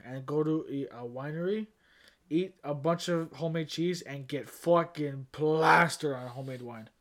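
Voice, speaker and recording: A man co-hosting a casual podcast, swearing freely and breaking into laughter and loud outbursts. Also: a little high, normal speed. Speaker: podcast co-host.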